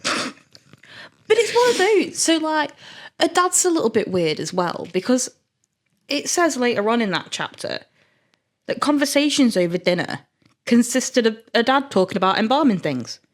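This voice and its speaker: A woman's voice: fairly high pitch, very animated, normal speed, pauses often. A young woman co-hosting a podcast, chatting casually and giggling about a horror book, swearing now and then. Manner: giggly, swears casually, reads passages aloud. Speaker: podcast co-host.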